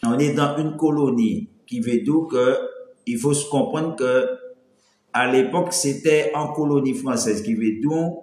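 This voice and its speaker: A man from the French Antilles chats casually on a live stream, rambling and greeting viewers one by one. His mid-range voice has a darkish tone and a measured pace, yet it sounds light and cracks when he pushes it. The recording has a roomy echo.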